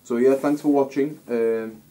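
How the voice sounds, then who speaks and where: A man's voice: mid-range voice, steady tone, dark tone, poor audio. A man with a Scottish accent giving a casual, rambling whisky review, often stopping and restarting his sentences. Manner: rambling, halting, chatty with restarts.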